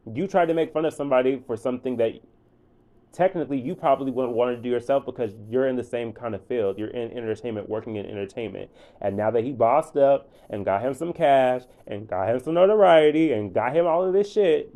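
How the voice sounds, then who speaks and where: A man's voice: medium pitch, dark tone. A man hosting his own podcast, giving blunt, profane solo commentary in a casual, ranting way. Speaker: podcast host.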